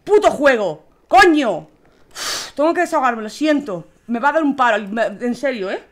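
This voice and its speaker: A woman's voice: sits high, sing-song, moderate pace. A young woman with a Spanish accent from Spain playing a horror game on stream, frightened, swearing and shrieking as she comments. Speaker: gaming youtuber. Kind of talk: let's play commentary.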